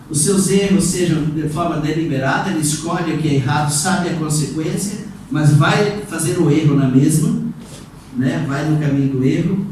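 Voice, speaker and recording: A male pastor teaching a sermon, explaining slowly and often restarting his sentences. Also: fairly high pitch, darkish tone. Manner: explanatory, halting with many restarts and fillers. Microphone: room recording, setup just installed. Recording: echoey room, distant mic, faint noise.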